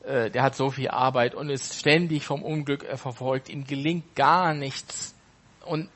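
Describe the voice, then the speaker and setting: A man's voice: mid-range voice, steady tone, measured pace, fairly bright tone. A man casually retelling a parable off the cuff, correcting himself as he goes. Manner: unscripted, with fillers and self-corrections.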